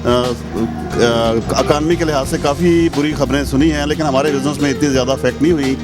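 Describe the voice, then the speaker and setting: A man's voice: mid-range voice, fairly even intonation, over loud music. A man in construction answering interview questions, hesitating often with fillers. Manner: rapid, with many hesitant a fillers.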